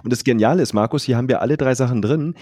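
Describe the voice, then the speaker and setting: A man co-hosting a podcast, calmly explaining terms and categories. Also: medium pitch, very fast, dry recording, studio quality. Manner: calm, explanatory. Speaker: podcast co-host, expert. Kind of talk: casual podcast chat.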